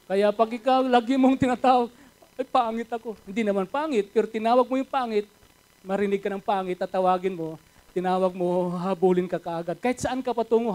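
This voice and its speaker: A man with a Filipino accent preaching a sermon at a church service, switching between Tagalog and English and building to loud emphatic calls. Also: high-pitched, low-quality recording. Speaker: pastor.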